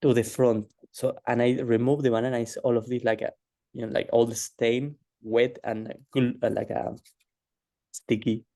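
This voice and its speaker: A man telling a personal story in a casual way, halting often with fillers and restarts. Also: mid-range voice, flat delivery, vocal fry, mellow, no echo, studio quality.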